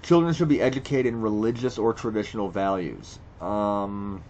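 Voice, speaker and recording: A video creator with a fairly low voice reads quiz statements aloud and answers them on the spot, bluntly and profanely, often stammering and restarting as he thinks. It's a screen recording with voice-over, and his darkish tone at normal speed comes through dull audio with a faint hiss underneath.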